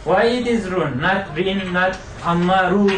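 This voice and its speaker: A man with a high voice teaches a classroom grammar lesson at an unhurried pace, quizzing his students and repeating their answers back to them. He is far from the mic, so the lecture and drills sound echoey, picked up from across the room.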